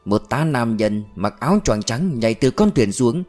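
A man narrating a mystery novel as an audiobook reader, in a calm, steady storytelling manner. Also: medium pitch, moderate pace, faint music behind.

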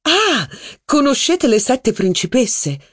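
A man's voice: slow pace, breathy edge, exaggerated voice. A man putting on a mocking aristocratic duchess. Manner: mocking, gossipy, lively pitch. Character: haughty witty middle-aged aristocratic duchess.

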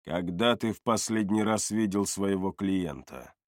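A man voicing a menacing male mage who speaks low, quiet and threatening. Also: a little slow, no echo, studio quality. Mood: cold.

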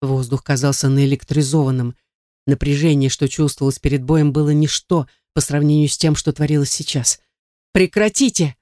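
A man's voice: fairly high pitch, flat delivery, fairly quick, mellow, no room sound, studio quality. A man narrating a first-person novel in a tense, dramatic reading. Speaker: audiobook narrator.

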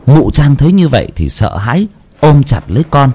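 A man narrating a horror story in a slow, brooding, expressive way. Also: medium pitch, breathy edge.

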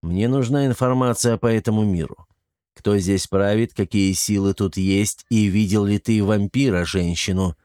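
A man's voice: lowish voice, fairly even intonation, normal speed, darkish tone, clear, resonant tone, dry recording, studio quality, lightly acted. A man doing a cold vampire sorcerer. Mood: commanding.

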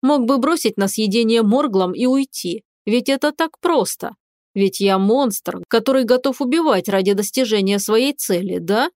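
A woman's voice: fairly high pitch, animated, moderate pace, a little mellow, dry recording, clean studio sound. A woman voicing a stern male dragon in human form, who speaks coldly and with tired irritation in an audiobook. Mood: irritated. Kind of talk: audiobook character reading.

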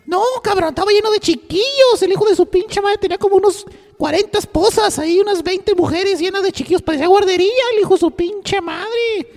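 A high-pitched woman with a Mexican accent spins a crude comic story on the radio, swearing freely and rambling along. Her voice rings out in a reverberant studio. Faint music plays underneath. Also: brisk, darkish tone. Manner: crude, profane, rambling, full of slang. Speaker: on-air storyteller.

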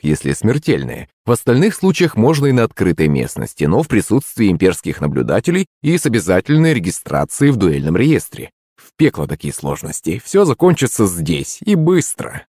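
Low-voiced man narrating an audiobook. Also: no echo, studio quality. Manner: expressive storytelling.

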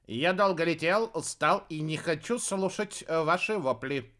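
A man voicing a giant, tired flying beast who speaks slowly and firmly. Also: fairly high pitch, animated, a bit bright. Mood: weary. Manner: tired, slow and firm.

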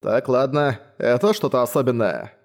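A hoarse, grumbling companion who gives cold, practical advice with a dry, mocking edge, as the audiobook narrator voices him. The voice sits in an ordinary middle register and stays close to the reader's own. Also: male voice, medium pitch, normal speed, close to an everyday voice. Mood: sardonic. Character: hoarse, sardonic male companion voice, blunt and practical. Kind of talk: audiobook reading.

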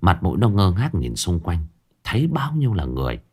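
A man's voice: deep voice, huge pitch swings, a little fast, husky. A man narrating a scripted ghost story in a dramatic, storytelling manner.

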